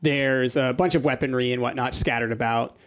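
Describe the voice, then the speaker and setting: Man narrating a tabletop game, haltingly. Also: medium pitch, fairly even intonation, fairly bright tone. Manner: halting, thinking aloud. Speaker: game master.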